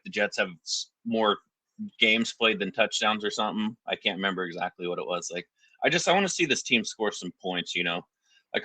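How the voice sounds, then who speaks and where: Man, sharp forceful tone, fairly low pitch, dry sound, casual chummy fan caller. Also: dry recording, rough recording. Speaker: caller to a sports show. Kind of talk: casual fan chat and opinion.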